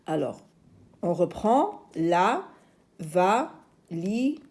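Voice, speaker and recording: A woman teaching young children to read, slowly repeating each word with patient explanations. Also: fairly low pitch, big pitch swings, darkish tone. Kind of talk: phonics lesson for young children.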